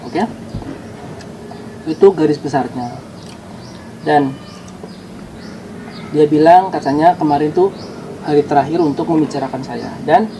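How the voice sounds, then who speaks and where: A man speaks straight to his viewers in a casual, defensive vlog monologue. His voice sits a little high. There is clear background noise behind him. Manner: defensive, explaining himself to viewers. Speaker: YouTuber.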